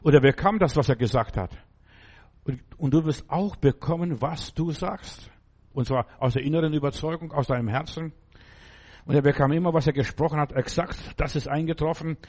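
Middle-aged male preacher, slightly high voice, emphatic exhortation with loud acted-out commands. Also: normal speed, breathy edge. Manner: exhortative, addressing listener directly with frequent "Ja?"; acts out quoted commands loudly. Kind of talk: sermon.

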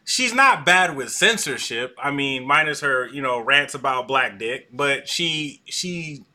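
A man hosts a casual live-stream discussion over a video call, speaking loosely with plenty of fillers and restarts and laughing often. His mid-range voice is animated, bright, and forceful, a little slow. The sound comes through a video call mic.

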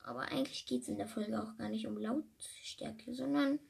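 A woman's voice: fairly high pitch, normal speed, gravelly, darkish tone, slight background noise. A woman hosting a casual podcast from home, rambling with many fillers and repeated words. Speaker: podcast host.

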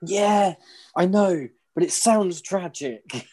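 A man's voice: high voice, lively intonation, dark tone, breathy edge. A British man co-hosting a podcast, teasing his friend in sweary, mocking banter. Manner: teasing, sweary, quick to mock. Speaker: podcast co-host. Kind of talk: casual banter.

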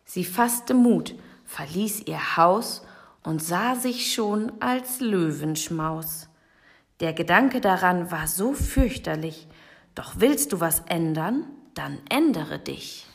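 A young woman reading a rhyming children's book aloud, gentle and expressive, sometimes dropping to a whisper. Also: on the low side, gravelly, slightly rough. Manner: slow, gentle and expressive, with soft whispered passages. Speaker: storybook reader.

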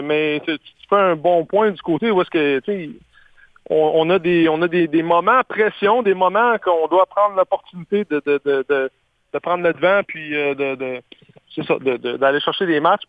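A man's voice: a little high, dry recording. Québécois man on a tinny phone line. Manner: halting, many fillers and restarts. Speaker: baseball analyst guest. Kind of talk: casual phone-in radio chat.

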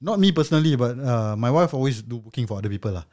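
A man's voice: medium pitch, expressive, very fast, a little mellow. A man with a Singaporean accent chatting casually as a podcast host, ending phrases with Singlish particles like lah. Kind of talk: casual conversational chat.

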